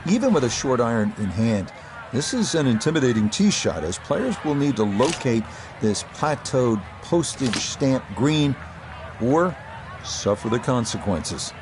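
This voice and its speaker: A man giving measured, descriptive play-by-play as a golf commentator on a tournament broadcast. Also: medium pitch, very animated, noisy background. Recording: loud crowd and outdoor ambience behind.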